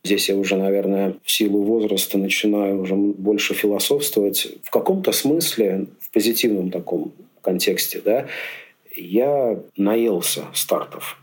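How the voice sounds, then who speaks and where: A man's voice: on the low side, moderate pace, slightly rough. A man in his forties, a podcast guest talking through his racing life in a reflective, rambling way with many fillers. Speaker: podcast guest, amateur triathlete. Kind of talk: casual interview chat.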